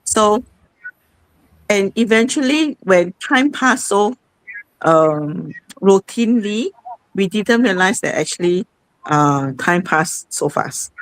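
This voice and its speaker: A woman's voice: medium pitch, animated, takes it slowly, dry recording, poor audio. A woman, hosting an online sharing session in a rambling, conversational way. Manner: conversational, rambling with many fillers. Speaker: host.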